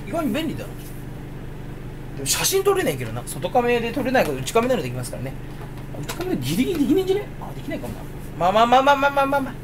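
A man records a casual unboxing chat for his channel, rambling along and answering his own jokes. His voice sits a little high and swings widely in pitch. He rattles on at a brisk clip. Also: noisy background. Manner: rambling, jokey, talks to himself. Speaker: video creator.

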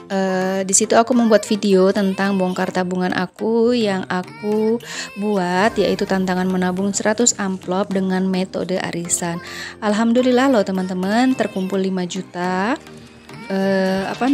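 Casting: woman, friendly vlog voice-over, mid pitch, faint music underneath. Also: darkish tone. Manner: chatty, addresses viewers as friends, frequent fillers. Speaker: vlogger. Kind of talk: casual voice-over narration.

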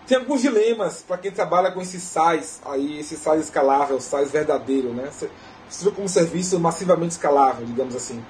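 Brazilian male tech lecturer, high pitch, chatty explainer style. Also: brisk, darkish tone, a little hiss or hum, rough recording. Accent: Brazilian Portuguese. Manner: conversational, often tags "né?" and restarts phrases. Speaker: technical lecturer. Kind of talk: technical lecture. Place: conference lecture hall.

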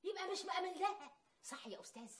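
An actress playing a sharp-tongued middle-aged mother in a TV drama, with an Egyptian Arabic accent, scolding and quoting proverbs. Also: extremely high pitch, expressive, racing. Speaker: mother-in-law in a family drama. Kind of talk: TV drama acting.

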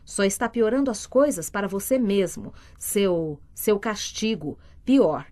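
A woman voicing a raspy, menacing possessed thing in a father's body, threatening and faltering, in an audiobook. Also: medium pitch, lively intonation, a little slow, a little mellow, natural voice.

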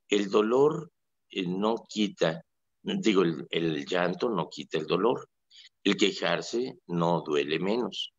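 A man, a priest, speaks on his radio show in a low voice while ill and in pain. He wanders through folksy stories with many fillers and pauses. The sound is dry and a little dull and lo-fi. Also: no room sound. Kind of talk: casual spoken reflection on a radio show.

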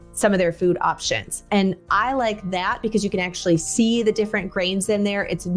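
A woman in her forties hosting a podcast from a small home room, talking in a casual, chatty way through a headset. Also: medium pitch. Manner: chatty, conversational, gestures while talking. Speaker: podcast host. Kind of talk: casual solo podcast talk. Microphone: over-ear headset.

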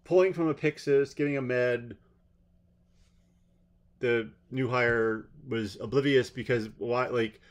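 A man's voice: mid-range voice, fairly even intonation, slow pace, pauses often. A man giving a rambling spoken commentary on a court case, blunt and sarcastic, with exasperated asides. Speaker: trial commentator.

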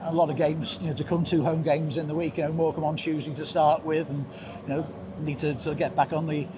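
A man's voice: a little high, level tone, fast, crowd noise. A man interviewing a player after a match for the club, asking leading questions filled with "you know".

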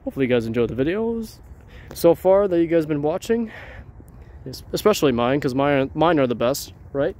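A man's voice: a little high, very animated, a little fast, darkish tone. A man talking casually to his viewers as a vlog host, rambling and repeating phrases, recorded outdoors on a handheld camera. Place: outdoors at night on trails and roads.

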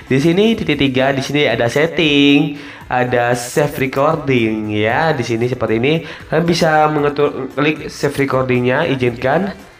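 Speaking at a normal speed in a mid-range voice, a man hosts a casual app tutorial voice-over, guiding listeners step by step. He informally repeats the instructions and lets the ends of phrases drag out, while music runs underneath.

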